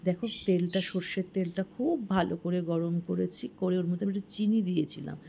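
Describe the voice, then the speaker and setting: A middle-aged woman hosting a home cooking vlog, talking quietly in her kitchen early in the morning while filming on a phone held in one hand. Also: fairly low pitch, fairly quick, creaky, slight background noise. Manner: speaks softly so as not to wake the house. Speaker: cooking vlogger. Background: birds chirping outside.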